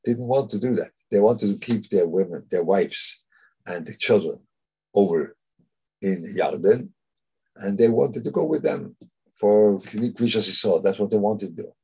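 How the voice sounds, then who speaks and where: Guy teaching torah casually, very husky voice, stops and restarts a lot. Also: on the low side, expressive, warm tone. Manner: halting, searches for words, many restarts. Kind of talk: informal Torah talk.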